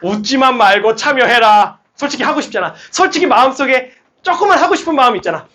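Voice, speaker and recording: Speaking fast in a very high voice, a young man teaches a math academy class. He delivers a classroom lecture in a lively, coaxing way, rallying his students with shouts through a speaker-amplified mic.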